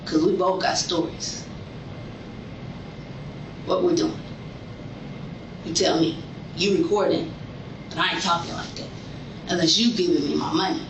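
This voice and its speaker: A woman's voice: on the low side, fairly even intonation, measured pace, long pauses. A middle-aged woman in a police interview, talking in angry, defiant slang and demanding what she is owed. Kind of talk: interrogation-room talk. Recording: echoey room from far off, noisy.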